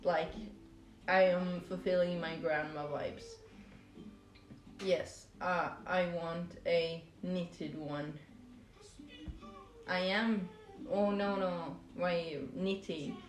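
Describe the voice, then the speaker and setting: Speaking on the low side with fairly even intonation, she draws out words and pauses often. This native Norwegian speaker crochets while casually and playfully rambling to stream viewers in a hesitant way, with music echoing in the room.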